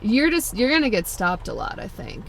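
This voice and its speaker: A woman's voice: medium pitch, wildly swooping pitch, moderate pace, vocal fry, fairly bright tone. A young woman co-hosting a podcast in casual, playful banter, laughing often. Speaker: podcast co-host. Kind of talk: casual chat.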